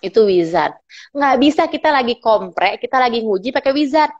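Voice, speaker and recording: A woman giving a lively motivational talk as a trainer, acting out little dialogues in varied voices. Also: a little high, moderate pace, dull audio. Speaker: speaker and trainer.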